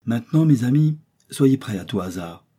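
A man's voice: mid-range voice, lively intonation, normal speed, mellow, breathy edge. A man voicing a determined male explorer doctor, giving firm, assured commands in an audiobook.

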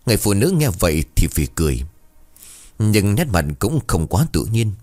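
A man narrating a ghost story in a dramatic, expressive way. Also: lowish voice, normal speed.

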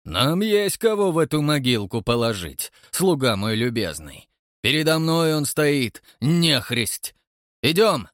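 A man's voice: on the high side, big pitch swings, measured pace, fairly bright tone, dry recording, clean studio sound, pitched above the performer's own voice. A man voicing a pompous, grey-bearded old man posing as a count, grandiose and menacing. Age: older.

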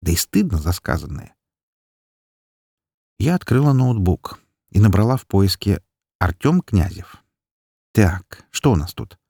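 Low husky man reading a story, close dry mic. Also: sing-song, a little slow, pauses often, mellow, no room sound. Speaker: narrator. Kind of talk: audiobook narration of a first-person story.

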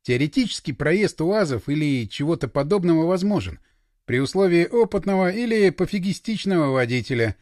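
Lively male audiobook narrator. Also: on the high side, a little fast, dry recording, clean studio sound. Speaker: audiobook reader. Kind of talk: scripted first-person narration.

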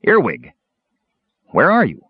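Storybook warrior: big, gruff and exasperated, blunt and grumbling, with a husky voice, as a male narrator plays him. Dry, dull recording. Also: deep voice, very animated, moderate pace, dry recording, exaggerated voice.

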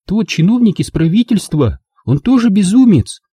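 Man putting on a shrill flustered young woman. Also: sing-song, moderate pace, warm tone, slightly rough, no echo, studio quality, full character voice. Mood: sulky. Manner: shrill, insistent, exclaiming. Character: excitable indignant young woman, flustered sister.

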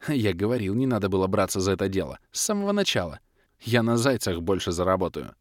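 A man's voice: low-pitched, sing-song, quick pace, dry recording, studio quality. A man voicing a sad, whiny male prisoner who drawls his protests.

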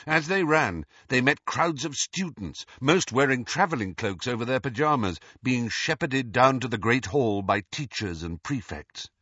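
A man's voice: mid-range voice, normal speed, hardly any pauses, slightly rough, no room sound. A man narrating an audiobook expressively, in a dull, dry recording. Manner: expressive, dramatic. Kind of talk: scripted narration.

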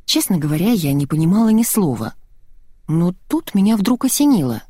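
A lively woman narrates an audiobook in the first person. Her voice is fairly low, slightly rough and at a normal speed, captured as a dry, clean studio recording.

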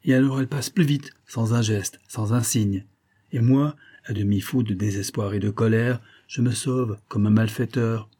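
A man's voice: fairly low pitch, fairly even intonation, moderate pace, warm tone, lightly acted. A man reading an audiobook, voicing a bitter, obsessive middle-aged man who argues insistently that he is wronged. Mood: aggrieved. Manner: agitated, reasoning aloud, insistent.

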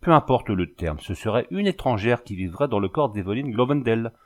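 A man's voice: mid-range voice, lively intonation, a little fast, natural voice. A man voicing an anxious, bookish young husband in a storybook reading, pressing with urgent questions. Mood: agitated.

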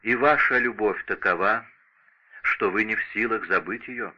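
A man's voice: on the low side, normal speed, muffled recording, natural voice. A man voicing a heartbroken young nobleman who speaks formally and earnestly in an audiobook. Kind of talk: audiobook character reading.

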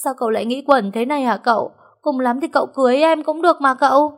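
A clingy, melodramatic young maid, as a woman puts her on wails in a high, quick voice. Every line of this storybook servant girl sounds overwrought. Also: lively intonation, a little mellow. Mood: wailing. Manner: wailing, high and fast. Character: frantic young maid Sen, clingy and dramatic.

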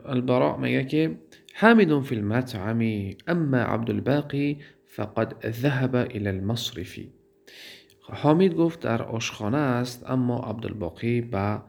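A man with a Tajik accent teaching a grammar lesson. He drawls out word forms, asks questions and answers them himself, and pauses on fillers. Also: mid-range voice, vocal fry, a little mellow. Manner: drawls out word forms, repeats them slowly, then translates. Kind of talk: classroom lesson.

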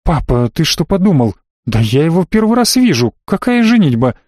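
A man's voice: fairly high pitch, moderate pace, darkish tone, no room sound, studio quality, close to an everyday voice. A man reading an audiobook, voicing an indignant young noblewoman with a raised voice. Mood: bewildered, indignant. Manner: raised voice, outraged pleading. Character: young red-haired noblewoman, fiery and indignant.

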